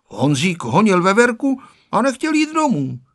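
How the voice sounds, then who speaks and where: A man's voice: high voice, wildly swooping pitch, pitched above the performer's own voice, full character voice. A man voicing a sulky schoolboy who makes reluctant, whiny excuses.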